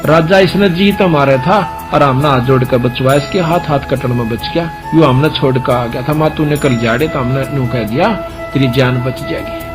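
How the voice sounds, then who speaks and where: Speaking at a moderate pace in a mid-range voice, a man with a Haryanvi accent turns his sermon into a colloquial folk story, recounting what the characters said as reported speech. There's music in the background.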